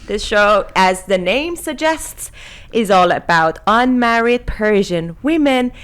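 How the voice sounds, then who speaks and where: A woman's voice: medium pitch, animated, slow, a bit bright, clear, resonant tone. Woman in her 30s from iran, cohosting a chat, cocky and joking. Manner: playful, self-assured. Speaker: podcast co-host. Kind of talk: casual chat.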